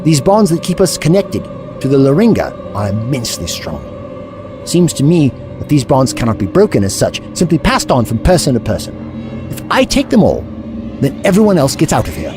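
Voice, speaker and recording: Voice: medium pitch, big pitch swings, normal speed, music in the background, lightly acted. A performer in an audio drama playing the Doctor, an eccentric, kindly time traveller who explains things in a wordy, scholarly way. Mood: determined.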